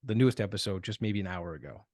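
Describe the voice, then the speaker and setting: A man's voice: fairly low pitch, lively intonation, fast, a little mellow, no echo. A man co-hosting a casual podcast, chatty and loose, hedging with filler words. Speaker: podcast co-host.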